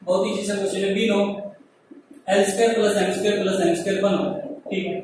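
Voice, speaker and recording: A man's voice: high-pitched, flat delivery, quick pace. A man teaches maths, walking through each step and asking his students questions as he works. He sounds far from the mic, in a very echoey room with faint noise behind him. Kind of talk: classroom maths lesson.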